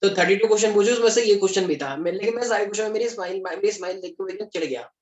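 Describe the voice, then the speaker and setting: A young man from Delhi, India, speaks rapid-fire in a high voice while teaching a class. His lecture is chatty and jokey, with English terms woven in, and the classroom sounds echoey.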